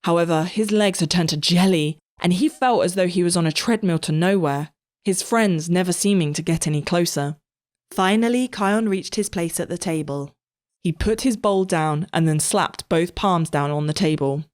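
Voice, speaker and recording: Lower-voiced woman telling a comic story. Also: normal speed, a little mellow. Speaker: narrator. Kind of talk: scripted storybook narration.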